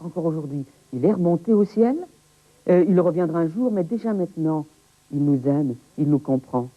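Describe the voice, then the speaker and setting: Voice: mid-range voice, expressive, normal speed. A presenter of a children's religious show explaining faith in dialogue, on thin tape audio. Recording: tinny phone-like VHS tape audio.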